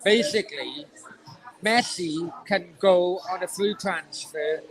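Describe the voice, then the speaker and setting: Insistent high-voiced man arguing. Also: slow, a bit bright, low-quality recording. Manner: insistent, sweary, talks over others. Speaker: podcast guest. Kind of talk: heated casual chat.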